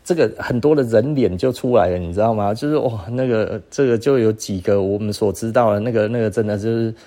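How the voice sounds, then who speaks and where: Taiwanese guy ranting on his podcast, lots of swearing and laughing, mellow voice. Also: on the low side, fairly quick. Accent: Taiwanese Mandarin. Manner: profane, scornful, laughs often. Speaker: podcast host. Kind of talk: casual storytelling rant.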